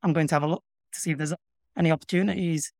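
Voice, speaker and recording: A middle-aged man with a broad Yorkshire accent, speaking in a measured, earnest way as an interview guest. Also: a little high, steady tone, creaky, a little mellow, no echo, studio quality. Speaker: interview guest, public sector communications professional. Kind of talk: reflective conversational interview.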